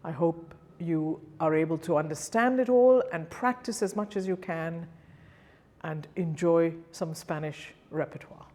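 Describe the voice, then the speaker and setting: A woman gives a diction lesson for singers, speaking in a fairly low voice. She takes it very slowly and carefully, sounding out each example word and repeating it so the listener can follow. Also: darkish tone. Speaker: singing diction teacher. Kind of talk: pronunciation lesson.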